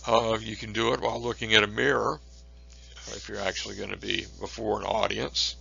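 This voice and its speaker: Male instructor, lower pitch, bright forceful tone, measured delivery with fillers. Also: level tone, creaky, a little hiss or hum. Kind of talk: recorded lecture. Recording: dull lo-fi recording.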